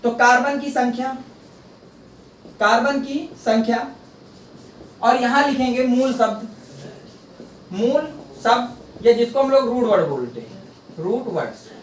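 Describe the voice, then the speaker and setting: Male chemistry teacher, bright raised register, quizzes himself aloud; echoey room, mic at a distance. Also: very high-pitched, expressive, a little slow, long pauses, slight background noise. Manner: rhetorical call-and-response questions; repeats key terms for drilling. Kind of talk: classroom lecture.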